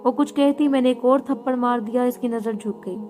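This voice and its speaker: A woman narrating a scripted first-person story in a steady, even storytelling manner. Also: fairly high pitch, a little fast, faint music behind.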